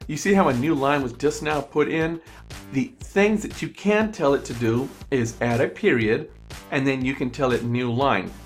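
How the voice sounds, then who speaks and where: A man's voice: mid-range voice, moderate pace, soft background music. Man walking through a screen tutorial. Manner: step-by-step, repetitive explaining. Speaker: online tutorial presenter. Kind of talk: screen-recorded tutorial walkthrough. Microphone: USB desk microphone.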